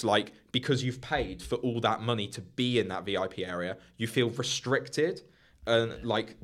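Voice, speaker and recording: A man's voice: fairly low pitch, fairly bright tone. A young man hosting a casual podcast chat, talking loosely with lots of fillers. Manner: chatty, heavy use of "like" and "you know". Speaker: podcast host. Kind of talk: casual discussion.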